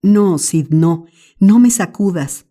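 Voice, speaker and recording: A woman's voice: sits low, moderate pace, warm tone, natural voice. A woman voicing a mischievous boy who whimpers and pleads theatrically, in an audiobook. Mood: whimpering. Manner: whimpering, melodramatic. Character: mischievous boy faking illness.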